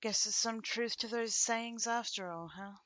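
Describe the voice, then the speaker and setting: In an ASMR roleplay, a woman plays a bitter young ex-girlfriend who taunts the listener coldly, teasing and sardonic, with dry chuckles and pointed pauses. Her voice is a little high and a bit bright, with no echo.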